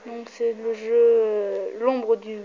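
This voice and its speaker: A woman's voice: a little high, level tone, slow pace. A young woman hosting a casual vlog, talking loosely with lots of fillers and frequent swearing. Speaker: video host. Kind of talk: casual vlog showing posters. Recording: dull lo-fi home recording with clear noise.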